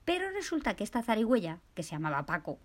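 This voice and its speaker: A woman's voice: mid-range voice, wildly swooping pitch, fast talker. A woman from telling a children's story, playful and asking her listeners questions.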